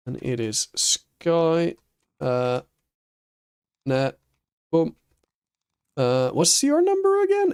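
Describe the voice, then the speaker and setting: A man's voice: on the high side, a little mellow, clean tone. A man streaming a building game, thinking aloud and chatting with viewers, laughing easily. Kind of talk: casual chat while playing a building game.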